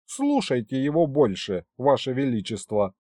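A man's voice: medium pitch, wildly swooping pitch, moderate pace, warm tone, no echo, studio quality. A man voicing a prim, fussy imp who keeps magic trinkets, speaking in a prissy affected way. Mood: huffy.

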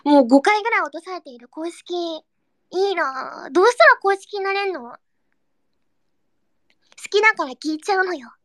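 A young woman hosting a casual live audio chat, reading listener comments in a cutesy, excitable way and breaking into squeals and giggles. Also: very high voice, moderate pace, long pauses, dry recording, studio quality. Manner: cutesy, baby-talk endings.

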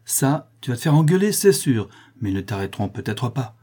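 A man's voice: mid-range voice, sing-song, fairly quick, warm tone, breathy edge. A man doing a shrewd, scolding townsman. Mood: coaxing. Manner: scolding, coaxing.

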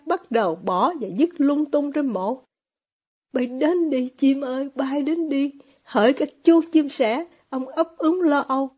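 A woman reads a novel aloud in a steady, scripted storytelling manner. Her voice sits high and has a husky, breathy edge. The delivery stays even and measured as she narrates. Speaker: audiobook narrator.

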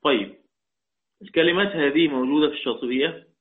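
Egyptian man teaching over tinny audio. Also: a little high. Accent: Egyptian Arabic. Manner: quotes verses slowly and drawn out, checks in with his listeners. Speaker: teacher of Quranic readings. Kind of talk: religious lesson explaining a poem on the readings.

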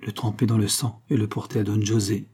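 A man's voice: on the low side, level tone, brisk, a little mellow, husky. A man voicing a cowardly male servant and assassin who pleads and stammers in panic in an audiobook. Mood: cowed.

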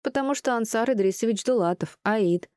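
A woman's voice: fairly high pitch, brisk, a little mellow, no echo, studio quality, voice pushed up, lightly acted. A woman voicing a cheerful, teasing middle-aged female friend with a playful, slangy way of talking.

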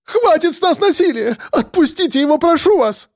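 A man voicing a middle-aged woman who is crying and pleading in a trembling, shrill voice. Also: expressive, normal speed, no room sound, studio quality. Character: sobbing middle-aged betrayed wife.

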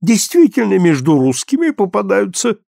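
A man's voice: high voice, huge pitch swings, moderate pace, gravelly, warm tone, no echo, clean studio sound, voice pushed up, exaggerated voice. A man reading the part of a witty young man who jokes and teases. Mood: teasing. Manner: joking, ironic.

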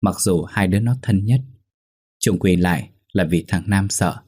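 A man narrating a ghost story in a somber, steady manner. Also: low-pitched, normal speed, slightly rough.

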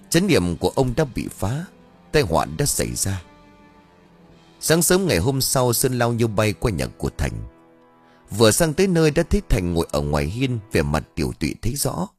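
Guy narrating a creepy audiobook, low husky voice, very up and down delivery. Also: a little mellow. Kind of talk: scripted horror story narration.

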